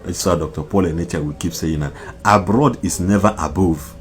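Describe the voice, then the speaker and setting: Deep-voiced man, impassioned commentary. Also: fairly quick, slight background noise. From Nigeria. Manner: mixes Igbo and English, repetitive, emphatic. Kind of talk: impassioned social media commentary.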